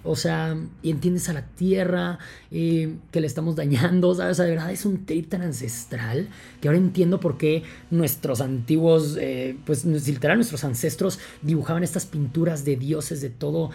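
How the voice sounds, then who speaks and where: Gravelly young Mexican man, rambling podcast. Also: on the high side, moderate pace, warm tone. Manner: enthusiastic, rambling, many fillers like "entonces" and "o sea". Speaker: podcast host. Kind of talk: casual monologue to listeners.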